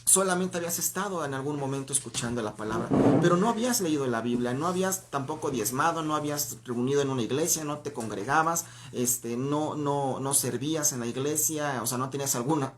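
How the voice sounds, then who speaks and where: A man's voice: mid-range voice, slight background noise. A man teaching a Bible class on a livestream in a conversational way. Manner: conversational, greets viewers by name mid-lesson. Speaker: church teacher. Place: church room, livestream.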